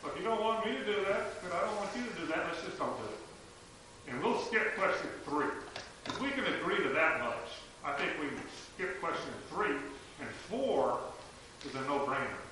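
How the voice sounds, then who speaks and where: A man's voice: on the high side, lively intonation, moderate pace, sharp tone. Man leading a meeting, distant and echoey. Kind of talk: deliberative discussion in a church meeting. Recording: very echoey room, distant mic, clear noise.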